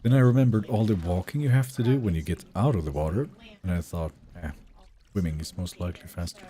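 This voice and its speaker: Low mellow-voiced young man streaming. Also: fast. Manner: relaxed, chatty, reads and answers chat. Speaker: game streamer. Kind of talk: live gameplay commentary.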